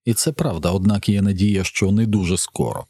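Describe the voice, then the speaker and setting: A man reading a novel as an audiobook narrator, in an even, measured storytelling voice. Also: low voice, husky, no echo, studio quality. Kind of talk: scripted narration.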